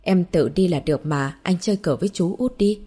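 A woman's voice: fairly low pitch, fairly quick, dark tone, slightly rough. A woman reading a caring young mother. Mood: soft.

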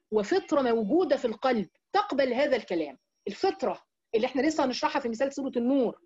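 A woman with an Egyptian Arabic accent teaching a religious lesson to women, asking herself questions and drawing out key words slowly for emphasis. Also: high voice, darkish tone, dull audio. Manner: explains with rhetorical questions and checks "right?". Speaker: Quran teacher.

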